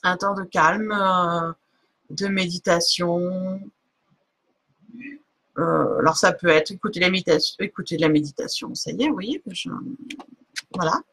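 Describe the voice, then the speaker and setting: On a live stream, a woman gives an oracle card reading in a casual, hesitant way, often pausing to search for words, with many fillers and restarts and laughs at herself. Her lowish voice is a little slow and a bit bright, with vocal fry and long pauses.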